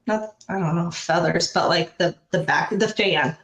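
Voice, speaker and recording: A middle-aged woman with a hoarse, smoker-like rasp, chatting casually and candidly in a rambling, mildly salty way as a show host. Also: fairly low pitch, measured pace, a bit bright. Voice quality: raspy like a chain smoker. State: hoarse from bronchitis. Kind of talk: casual chat. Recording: roomy, echoey sound.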